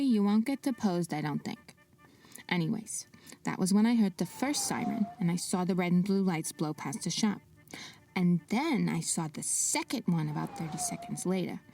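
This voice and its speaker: A woman's voice: on the low side, dark tone, recorded from a distance. A woman narrating a fictional mystery as its protagonist, with wry, sarcastic asides. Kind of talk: scripted drama narration.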